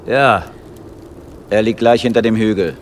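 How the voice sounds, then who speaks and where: A man's voice: on the low side, unhurried, a little hiss or hum, close to an everyday voice. A man dubbing a curt backwoods woodcutter. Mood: wary. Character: wary male backwoods woodcutter.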